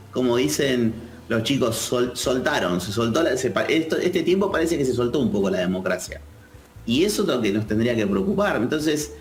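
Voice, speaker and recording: A man with an Argentine accent, a political analyst answering interview questions in a measured, thoughtful way. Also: medium pitch, reverberant. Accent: Argentine Spanish. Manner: measured, thoughtful, with frequent restarts.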